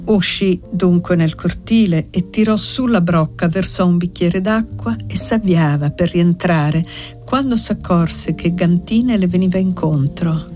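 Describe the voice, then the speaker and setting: Low-voiced woman reading a novel. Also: a little slow, darkish tone, soft background music. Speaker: audiobook reader. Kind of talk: literary reading aloud.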